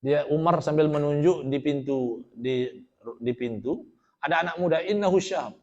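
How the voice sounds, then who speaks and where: High-voiced man preaching a storytelling sermon. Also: normal speed, darkish tone, highs cut off. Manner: quotes Arabic, then explains it in plain talk; asks the audience rhetorical questions. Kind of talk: storytelling sermon to a women's study group. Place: Islamic study gathering.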